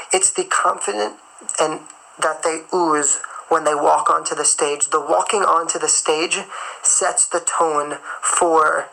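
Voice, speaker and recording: A singer and performer hosts a live stream, chewing gum as he gives a motivational talk, hammering his points and repeating key phrases. His voice sits on the high side with vocal fry and a sharp edge, and the recording is rough.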